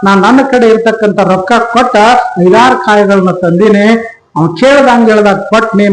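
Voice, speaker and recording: A man telling a devotional story in a lively way, with rhetorical asides. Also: high-pitched. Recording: echoey room.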